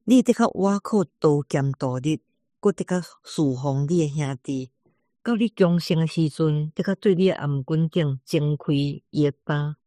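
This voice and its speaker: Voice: mid-range voice, moderate pace, mellow, no echo, clean studio sound, natural voice. A reader voicing the aged father Isaac as an old man giving solemn blessings, read in an everyday voice from a scripture storybook reading.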